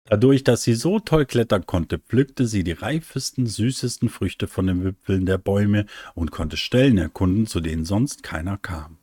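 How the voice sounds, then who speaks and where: Low-voiced man reading a children's story. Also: normal speed, few pauses, slightly rough, dry recording, studio quality. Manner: calm, warm reading for children. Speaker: narrator.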